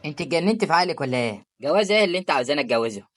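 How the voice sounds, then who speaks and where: A performer with an Egyptian Arabic accent voicing an affectionate, patient young husband in an animated story. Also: female voice, low-pitched, faint music behind. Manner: warm-hearted, rapid.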